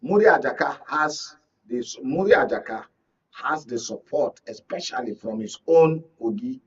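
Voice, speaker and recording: A Nigerian man, a media analyst appearing as a guest, delivers emphatic political analysis in a discussion, repeating his points and checking that the listener is following. His medium-pitched voice is husky and animated, moving at a moderate pace. The recording is lo-fi and muffled, picked up by a distant mic.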